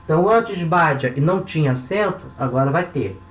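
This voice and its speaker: A man with a Brazilian accent teaching a recorded online lesson, patiently repeating words slowly and checking in with short questions. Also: a little high, animated, a little hiss or hum. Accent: Brazilian Portuguese, Rio de Janeiro. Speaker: language teacher. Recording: echoey room.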